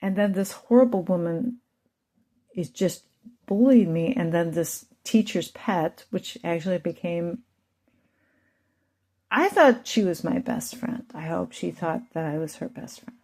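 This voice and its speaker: A woman's voice: on the low side, measured pace, a little mellow. A woman and mother telling a rambling, emotional personal story to her channel's viewers. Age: adult with children. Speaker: channel host.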